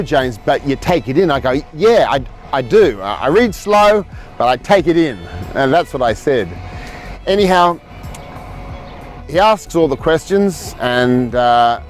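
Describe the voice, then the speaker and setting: Casting note: Australian man, middle pitch, rambling storyteller, faint music underneath. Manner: rambling, repeats words, many fillers. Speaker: speaker telling his life story. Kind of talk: personal storytelling talk.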